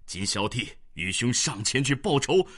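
A man's voice: medium pitch, very animated, normal speed, breathy edge, pitched above the performer's own voice. A man voicing a grieving, vengeful warrior general who cries out to his fallen sworn brother. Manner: tearful, vengeful shouting.

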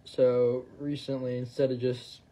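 Mellow-voiced man demonstrating fly tying. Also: medium pitch, unhurried. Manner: relaxed, talks while working, fillers and trailing phrases. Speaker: fly tier demonstrating on a livestream. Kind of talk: casual instructional chat.

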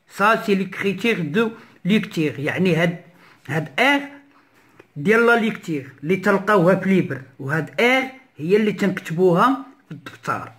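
A man with a Moroccan accent teaching a primary school reading lesson, slowly repeating words and syllables. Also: high voice, fairly bright tone. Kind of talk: slow French reading lesson with Moroccan Arabic explanations.

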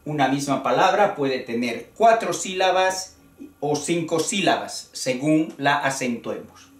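A Spanish teacher giving a spoken grammar lesson, talking deliberately and counting out syllables one by one. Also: mid-range voice, animated, far from the mic. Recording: echoey room, voice away from the mic.

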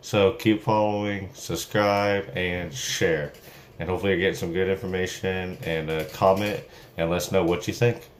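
A young man with a fairly low voice chats casually into a phone held at arm's length, upbeat and plain, with plenty of fillers. Vehicle noise and background sounds come through clearly around him. It sounds like a small business owner giving a quick update from his car. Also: fairly even intonation. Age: young adult. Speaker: junk removal business owner. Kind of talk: casual vlog to camera. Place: in a car, then in a small room at home. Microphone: phone camera at arm's length.

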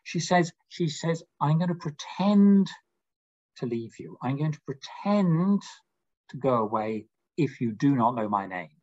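Male lecturer, husky voice, muffled lo-fi recording, slow verse reading. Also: a little high, animated, a little mellow. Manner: slow deliberate recitation of quoted verse. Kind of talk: lecture reading and explaining a poem.

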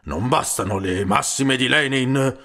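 A man's voice: fairly low pitch, expressive, slow pace, a bit bright, breathy edge, heavily acted. A man voicing a burly, hot-tempered communist mayor in an audiobook, roaring out indignant outbursts. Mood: furious shouting. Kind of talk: audiobook character reading.

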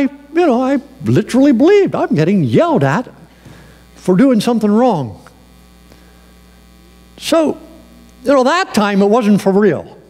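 A man's voice: extremely high pitch, a little mellow. A male pastor preaching a sermon, telling a personal story in a conversational way with fillers, in a church sanctuary with long reverb.

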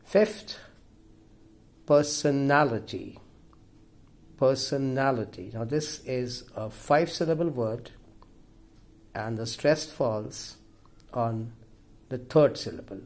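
A man's voice: mid-range voice, slow pace, a little mellow. A man teaching pronunciation, saying each word twice with care and then explaining where the stress falls. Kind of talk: slow, deliberate pronunciation lesson.

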